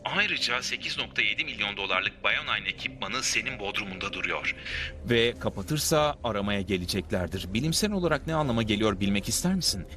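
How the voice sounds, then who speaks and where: A man's voice: lowish voice, lively intonation, brisk, sharp tone, faint music behind. An actor dubbing a nervous male lab colleague who hesitates and stammers through his lines. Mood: anxious. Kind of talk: film dubbing.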